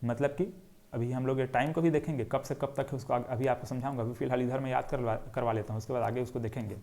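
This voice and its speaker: A man's voice: mid-range voice, fairly even intonation, fast talker, mellow. A young man teaching geography in a classroom-style lecture, who asks questions and answers them himself while drawing on a board. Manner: repetitive question-and-answer drilling.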